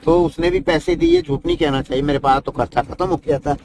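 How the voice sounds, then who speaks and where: Speaking a touch quickly, this older man, a yogi from the Himalayas, wanders through the story of his life in homespun fashion, often adding "isn't it." His slightly high voice is gravelly and swoops wildly in pitch, over a noisy ambient backdrop.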